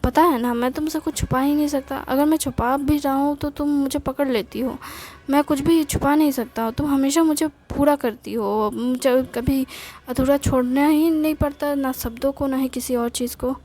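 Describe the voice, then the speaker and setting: A woman's voice: high-pitched, steady tone, normal speed, a little mellow, close to an everyday voice. A woman voicing an older husband who is teasing, sheepish and doting, talking with hesitant stops and fillers in an acted story. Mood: coaxing.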